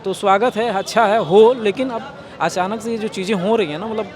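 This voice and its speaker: A man's voice: high-pitched, brisk. A man who lives in the area, answering a reporter's questions outdoors and explaining his view at length. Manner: articulate, explaining at length, occasional self-corrections. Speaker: local resident interviewed. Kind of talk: street interview. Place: outdoors in a crowd. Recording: loud crowd noise outdoors. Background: crowd chatter.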